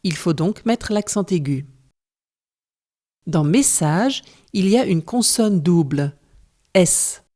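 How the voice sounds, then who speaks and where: Slow, careful woman teaching French. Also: fairly low pitch, lively intonation, warm tone. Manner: slow, careful, explains step by step. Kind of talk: scripted lesson narration.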